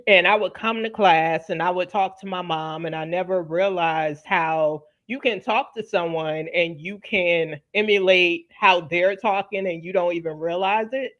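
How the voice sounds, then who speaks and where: A woman's voice: fairly low pitch, unhurried, hardly any pauses, fairly bright tone. A woman from Louisiana with a faint Southern accent, hosting a panel and telling stories in casual conversation. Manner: storytelling, conversational, quotes others. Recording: dull lo-fi audio.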